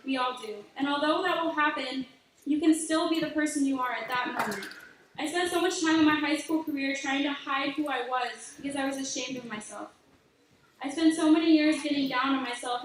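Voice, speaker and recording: High-voiced teen girl giving a graduation speech. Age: late teens. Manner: earnest, heartfelt advice to younger students. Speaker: graduating student speaker. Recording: echoey hall, voice from far off, faint noise.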